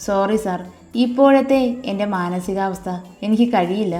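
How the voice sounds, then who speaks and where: A woman's voice: mid-range voice, moderate pace, natural voice. A woman voicing a troubled young father who speaks tensely and curtly. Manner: tense, curt. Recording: echoey room with soft music.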